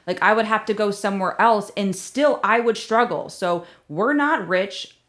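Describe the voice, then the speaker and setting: A woman's voice: medium pitch, moderate pace, a bit bright. A middle-aged American woman chatting casually as a podcast co-host, venting candidly and emphatically with rhetorical questions.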